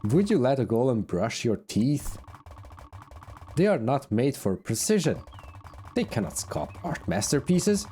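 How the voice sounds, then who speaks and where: A man's voice: medium pitch, big pitch swings, unhurried, dark tone, faint music behind. A man voicing a proud, boastful female asura quarry leader in a fantasy game, talking down with scorn. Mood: haughty. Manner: haughty, scornful.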